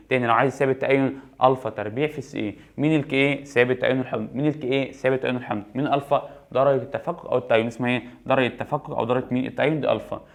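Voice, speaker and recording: A man's voice: mid-range voice, gravelly. A man with an Egyptian Arabic accent giving a chemistry exam review, asking questions and answering them himself and repeating key points. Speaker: chemistry teacher.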